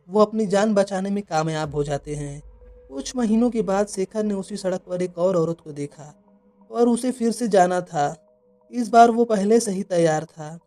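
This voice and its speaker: A narrator reading a scripted horror story in an even, measured way. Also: medium pitch. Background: faint music.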